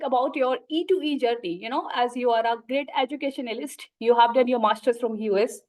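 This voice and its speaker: An effusive, wordy woman with an Indian accent, hosting a podcast interview. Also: sits high. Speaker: talk show host.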